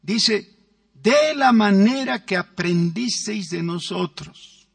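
A man's voice: high-pitched, expressive, creaky, dry recording, distant mic. A man preaching a sermon as pastor, stressing words and acting out quoted voices. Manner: emphatic, drawn-out words with acted quotes.

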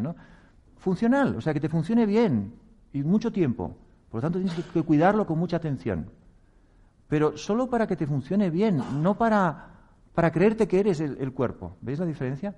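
A man gives a reflective, motivational talk on meditation. His voice is warm and mellow at a medium pitch. He speaks earnestly, chuckles at his own mistakes and slips into acted quotes.

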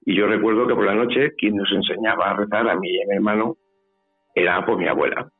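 A man with a Spanish accent, from Spain, talks fairly quickly in a lowish, husky voice with fairly even intonation. As a phone interview guest he tells a personal story hesitantly, repeating words, and the tinny line carries faint music.

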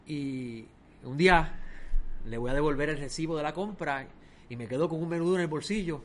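A man preaching a sermon, telling stories with lively swings between loud emphasis and quiet asides. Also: fairly high pitch, brisk.

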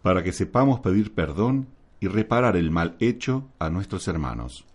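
A man's voice: sits low, big pitch swings, normal speed, husky. A man acting as lay reader and guide at Mass, reading scripted prayers and liturgical announcements.

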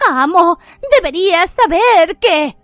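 A woman's voice: animated, takes it slowly, fairly bright tone, dry recording, soft background music, heavily acted. Bellatrix, a shrieking fanatical witch, as a woman puts her on. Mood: frantic. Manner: shrill, screeching.

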